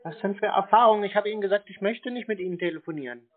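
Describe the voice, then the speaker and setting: On a tinny phone call, a man strings along a telemarketer, playing dumb and refusing to budge. His voice is high and quick, with soft music in the background.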